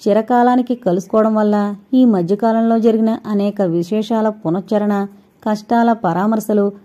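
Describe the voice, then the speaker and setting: A woman narrating a novel as an audiobook, in a measured, steady storytelling manner. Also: medium pitch.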